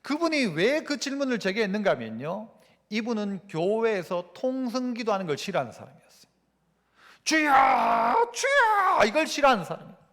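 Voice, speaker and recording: High-pitched guy preaching a sermon, voice swinging up and down a lot, big echoey church hall. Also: fast. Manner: animated, asks the congregation rhetorical questions. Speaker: pastor. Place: church sanctuary. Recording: long church-hall reverb.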